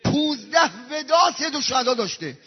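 A male preacher telling a religious story in a sermon, moving from hushed, low passages to loud, chanted lines. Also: animated. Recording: dull recording in a reverberant hall.

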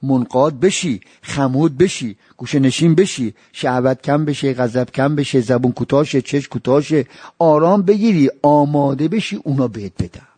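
A male preacher delivering a sermon, telling stories with dramatic swings from quiet murmurs to raised exclamations and chanting scripture quotes. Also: mid-range voice, husky, dry recording.

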